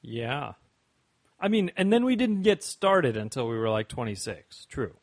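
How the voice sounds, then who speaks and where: A man's voice: medium pitch, very animated, measured pace, no echo, studio quality. A young man co-hosting a casual podcast chat, joking dryly and swearing casually. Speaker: podcast co-host.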